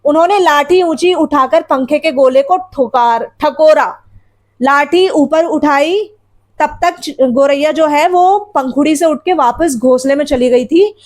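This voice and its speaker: A woman teacher with a high voice walks her students through a textbook story. She explains word meanings again and again and keeps asking rhetorical questions. She often addresses the children directly. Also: unhurried, darkish tone.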